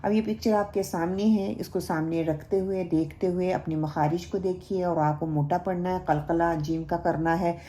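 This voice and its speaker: A woman's voice: fairly low pitch, fairly even intonation, hardly any pauses, mellow. A woman teaching Quran recitation in a recorded lesson, patiently explaining each sound step by step and modelling it herself.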